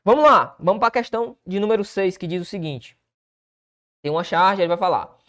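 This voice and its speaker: A man's voice: sits high, animated, brisk, fairly bright tone. Brazilian man teaching grammar questions. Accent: Brazilian Portuguese. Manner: explanatory, asks and answers his own questions. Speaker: Portuguese teacher. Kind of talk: exam-prep lesson walking through questions.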